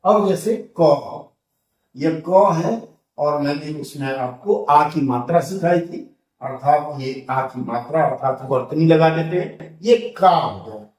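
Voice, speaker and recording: A man's voice: fairly high pitch, slow, darkish tone. A man teaching the Hindi alphabet step by step, patiently repeating each letter as he draws it. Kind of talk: slow step-by-step alphabet lesson. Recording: roomy sound from a distance.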